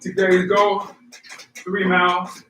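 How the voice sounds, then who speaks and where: A man's voice: high voice, completely flat delivery, slow pace, bright, forceful tone. A man chatting casually and motivationally to viewers while running and power walking during a workout. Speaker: host of a running workout vlog. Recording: roomy, distant mic, faint noise.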